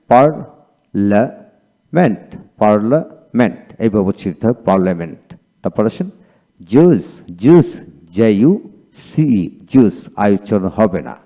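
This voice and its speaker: A man's voice: on the low side, warm tone. A man with a Bangladeshi Bengali accent giving a spoken English lesson, saying each word twice and spelling it out letter by letter. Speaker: English teacher.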